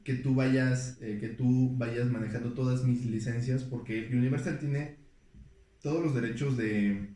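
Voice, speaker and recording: A man's voice: medium pitch, fairly even intonation, unhurried, warm tone. A man, a podcast guest, chatting casually and rambling with many fillers and restarts. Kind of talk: casual storytelling chat. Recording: echoey room, distant mic.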